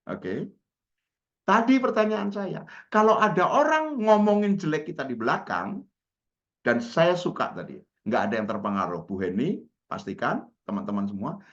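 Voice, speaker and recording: A man with an Indonesian accent coaching a webinar, teaching informally, calling on attendees by name and acting out short dialogues. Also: fairly high pitch. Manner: lively, calls on attendees by name, acts out little dialogues. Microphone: video call microphone. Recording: dull lo-fi webinar audio.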